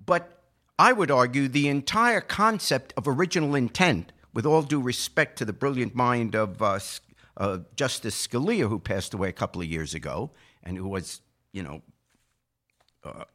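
Very animated and forceful, with a bright, mid-range voice, a podcast co-host delivers political commentary. His explanations are emphatic, combative and deliberately phrased.

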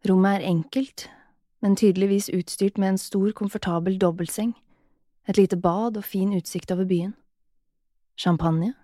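Soft-voiced woman narrating erotic audio fiction. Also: medium pitch, steady tone, no echo, clean studio sound. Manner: soft, intimate, dipping into whispers.

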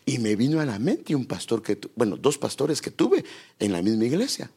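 A man's voice: medium pitch, very animated, normal speed, mellow, husky. A man preaching a sermon, quoting scripture and calling his listeners brother.

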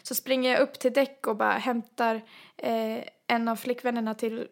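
A fairly high-voiced woman telling a story in relaxed conversation. She is animated, leans on fillers, and acts out the lines of the people in her story. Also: creaky. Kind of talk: casual chat, storytelling.

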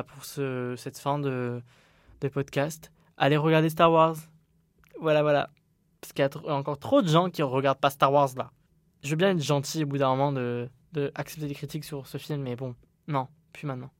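A man's voice: mid-range voice, dry recording. A young man hosting his own solo podcast, talking candidly and rambling with frequent restarts. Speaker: podcast host.

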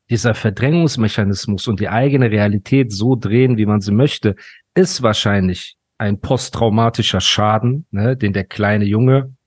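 A man's voice: medium pitch, no room sound. Dry, mock-serious male podcast host. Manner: mock-serious, ironic ranting. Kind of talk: casual podcast chat.

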